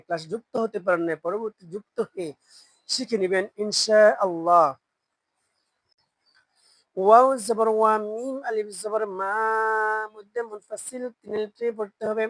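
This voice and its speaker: A Quran reading teacher with a Bangladeshi Bengali accent who spells each word letter by letter, chants it slowly and asks learners to repeat after them. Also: medium pitch, fairly even intonation, dry recording, poor audio. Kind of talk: slow spelled-out recitation lesson.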